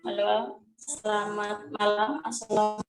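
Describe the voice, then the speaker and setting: Woman, choppy breaking-up call audio, far from the mic, polite and hesitant, flat delivery. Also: medium pitch, moderate pace, soft background music. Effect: choppy, breaking-up online call audio. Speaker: sponsor representative at a webinar. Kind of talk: greeting on a video call.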